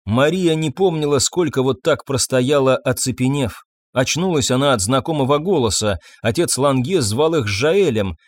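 A man's voice: mid-range voice, no echo. Man narrating a story in a dry close sound. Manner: measured storytelling, voices figures himself. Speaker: audiobook narrator. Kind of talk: scripted narration.

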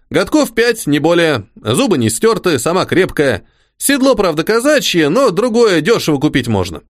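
For an audiobook character, a man voices a devoted old soldier-servant who is humble and eager, his rustic, folksy words tumbling out as he fusses over his officer. His high voice swings up and down, recorded close and dry with no room sound or echo.

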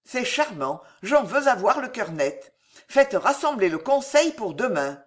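An impulsive, fragile young king as a woman reader puts him on, speaking low with lively, swinging intonation. He bursts into eager exclamations like an excited boy. Read as an audiobook character. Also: measured pace. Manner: exclaiming, boyish enthusiasm.

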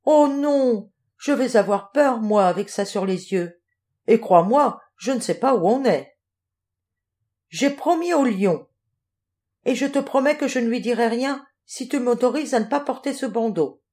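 A woman voicing an excitable, easily frightened little boy in a children's audiobook. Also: a little high, unhurried, voice pushed up. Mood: pleading. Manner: eager, exclaiming.

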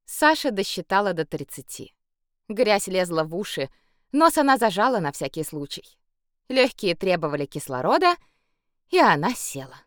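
A woman reading a children's story aloud with playful, expressive narration. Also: medium pitch, moderate pace, no room sound, clean studio sound. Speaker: audiobook reader.

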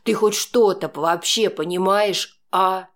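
A woman reading an audiobook, voicing a jealous, drunk young man who mocks and threatens in a low voice. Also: slow, natural voice. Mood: menacing sneering. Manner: mocking, threatening, low and sneering.

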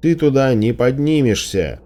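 A man's voice: lowish voice, moderate pace, warm tone, natural voice. A man reading an audiobook, voicing a hostile bearded hermit who barks insistent warnings. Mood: shouting. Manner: barking, insistent.

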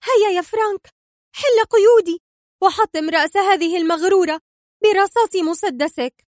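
A woman's voice: very high-pitched, normal speed, no echo, pitched above the performer's own voice. A woman voicing a furious, scheming female spy who shrieks in hysterical anger, close to tears. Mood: shrieking furious.

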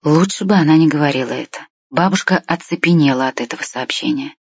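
A woman reading a first-person story aloud in a calm, measured way. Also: deep voice, slightly rough, no echo. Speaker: audiobook reader. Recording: dull, dry lo-fi recording.

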